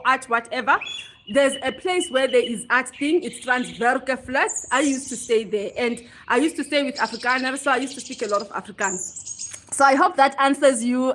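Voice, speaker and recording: A chatty South African woman hosts a relaxed livestream from outside her home, greeting each viewer by name. Her voice sits high and sounds bright and crisp. Birds chirp faintly behind a light hiss of outdoor noise. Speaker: livestream host. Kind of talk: casual livestream chat.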